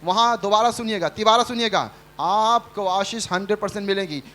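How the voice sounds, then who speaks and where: A male pastor preaches a Sunday sermon in Hindi at a church service, leading the congregation in call-and-response and acting out the quotes he tells. His voice is high-pitched, bright and forceful, at a moderate pace.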